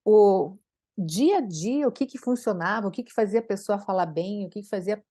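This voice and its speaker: Animated Brazilian woman speech therapist. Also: normal speed, no echo. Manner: animated, acts out quoted dialogue with big pitch jumps. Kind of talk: conversational interview storytelling.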